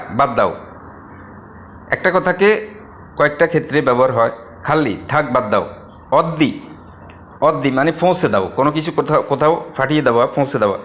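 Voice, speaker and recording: A young man teaching a vocabulary lesson, saying each word and then repeating its meaning slowly. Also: medium pitch, fairly bright tone, a little hiss or hum. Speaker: Arabic language teacher.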